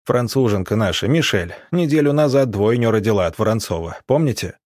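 Level-headed young man, matter-of-fact, distracted; male reader's own low voice. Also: expressive, fairly quick, a little mellow, dry recording, studio quality, natural voice. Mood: calm. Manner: absent-minded, matter-of-fact.

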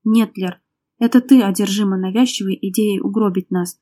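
A woman's voice: medium pitch, fairly even intonation, moderate pace, dark tone, lightly acted. Woman reading as a furious jealous man. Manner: curt, snapping, menacing. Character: angry jealous young man, hot-tempered.

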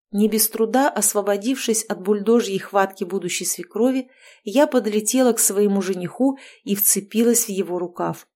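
A woman narrating a fantasy romance novel in the first person, with a wry, expressive storytelling manner. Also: mid-range voice. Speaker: audiobook narrator.

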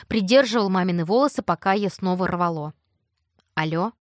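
A woman narrating a first-person audiobook in a lively, emotive way. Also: mid-range voice, moderate pace, no echo, studio quality.

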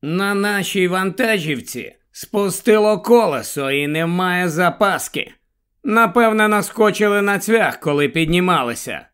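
A man's voice: high voice, animated, measured pace, fairly bright tone, clear, resonant tone, pitched above the performer's own voice. Male reader plays a blunt, sweaty, unshaven stranger; offhand, slightly raised. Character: unshaven, sweaty grown man, laconic.

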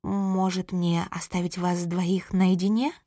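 A woman reading the part of a warm, chatty woman who is quick to apologise. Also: on the low side, level tone, no echo, studio quality. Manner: friendly, hasty, apologetic. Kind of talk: audiobook character reading.

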